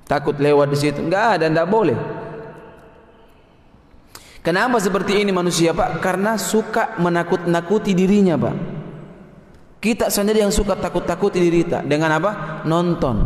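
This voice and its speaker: A man preaching a religious lecture in an animated, joking way, acting out quoted voices. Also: high voice. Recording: roomy echo, long hall reverb.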